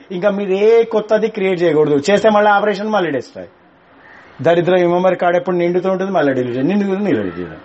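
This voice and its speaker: A man's voice: high-pitched, darkish tone, highs cut off. A man teaching a class on spirituality, talking in a colloquial, teasing way and dropping English words into his speech.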